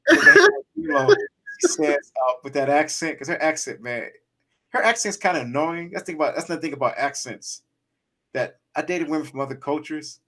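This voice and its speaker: A man hosting a casual chat show, joking and animated, often restarting his sentences. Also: fairly high pitch. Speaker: show host.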